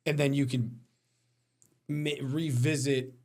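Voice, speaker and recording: A man's voice: mid-range voice, fairly even intonation, slow, a little mellow. A man co-hosting a casual sports talk show, joking and sarcastic, often laughing as he talks.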